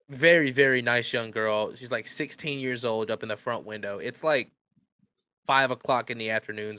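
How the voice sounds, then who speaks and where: A man's voice: mid-range voice, dry recording. A man co-hosting a podcast, telling work stories in casual chat and acting out the angry customers. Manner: animated storyteller, acts out angry customers. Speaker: podcast co-host.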